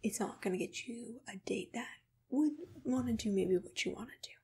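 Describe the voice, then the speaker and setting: In a mostly whispered ASMR personal-attention roleplay, a woman plays a gentle, soft-spoken monster matchmaker who is accommodating and reassuring. Her breathy, whispery voice sits on the high side, and she takes her time.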